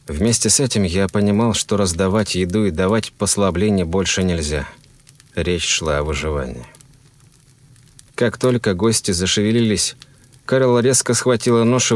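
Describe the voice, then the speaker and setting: A man with a low, grave voice tells a first-person horror story in measured, steady narration. The sound is close and completely dry, with no room around it. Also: no room sound.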